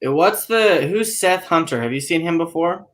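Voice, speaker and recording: A young man joins a casual podcast, talking loosely and with a touch of exasperation. His voice sits a little high. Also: expressive, moderate pace, a bit bright. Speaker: podcast co-host.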